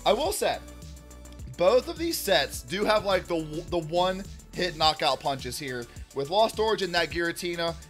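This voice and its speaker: This card unboxing comes from a man in his thirties at an indoor table, upbeat and calling his audience "y'all" despite a failing voice. He speaks high, unhurried and a bit brightly, his pitch swinging widely, with faint music in the background.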